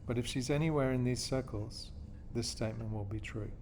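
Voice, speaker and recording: Teaching in a brisk yet patient manner, an Australian man walks his class through a lesson one step at a time. His voice is mid-pitched and a little mellow, and he often checks in with "yeah?" or "okay?". A faint noise hums in the background.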